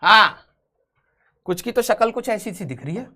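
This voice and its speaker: Guy teaching a physics class online, jokey and teasing, kinda high bright voice. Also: expressive, normal speed, a little hiss or hum. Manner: jokey, teasing banter with students; switches to English when reading questions. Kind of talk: live online lecture.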